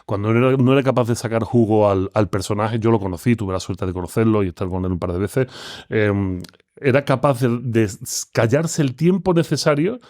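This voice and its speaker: A man from Seville with an Andalusian accent, a philosopher talking as a guest in an interview, expressive and lively in his pitch. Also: a little fast, no echo, studio quality. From Seville, Spain. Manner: expressive, talks with animated pitch swings. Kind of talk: conversational interview.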